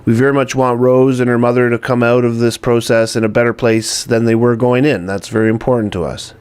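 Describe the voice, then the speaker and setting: Earnest man with halting speech. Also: mid-range voice, fairly even intonation, a little mellow, clean tone. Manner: earnest, hesitant with many ums and uhs. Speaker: documentary producer. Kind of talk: informal campaign update to supporters.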